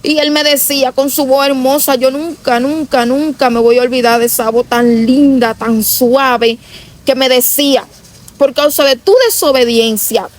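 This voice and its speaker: A woman's voice: high voice, little pitch movement, normal speed. A woman giving an emotional religious testimony, telling her story earnestly and repeating herself often.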